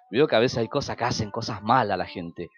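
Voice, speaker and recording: A man's voice: fairly low pitch, moderate pace. A man with an Argentine Spanish accent preaching a sermon as pastor, telling stories and acting out quoted dialogue with sudden rises and drops.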